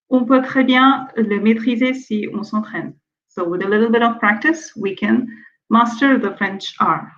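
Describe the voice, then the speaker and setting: A woman with an Indian accent teaching French pronunciation in an online lesson, switching between French and English and repeating example words slowly and clearly. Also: on the high side. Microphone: online webinar audio. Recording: dull lo-fi webinar audio.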